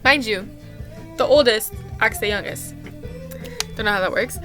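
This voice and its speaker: A woman's voice: on the high side, moderate pace, a bit bright, faint music behind. A young woman and camp counselor telling a casual storytime vlog, rambling and exasperated, with lots of "like". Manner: exasperated rambling rant, heavy use of "like".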